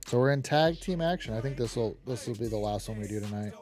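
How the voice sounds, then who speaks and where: A man's voice: mid-range voice, lively intonation, brisk, a little mellow, faint music behind. A man casually commentating on his gaming stream, with mouse clicking behind him. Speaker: streamer playing a wrestling video game.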